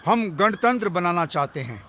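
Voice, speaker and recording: Young revolutionary: high, bright, earnest, full of conviction. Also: male voice, very animated, normal speed, a little hiss or hum, heavily acted. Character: idealistic young male revolutionary. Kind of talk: film dub.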